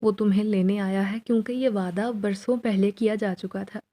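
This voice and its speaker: A woman's voice: mid-range voice, steady tone, warm tone, lightly acted. A woman voicing a worried older uncle revealing a family secret in a spoken horror story. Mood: grave.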